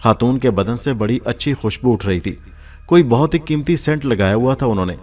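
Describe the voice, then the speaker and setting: A man narrating a story in the first person in a measured, steady storytelling manner, as an audiobook reader. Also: medium pitch.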